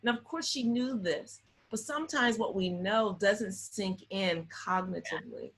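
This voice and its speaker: A woman guest in a casual interview, telling stories in an animated way and often checking in with "right?". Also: medium pitch, a little slow.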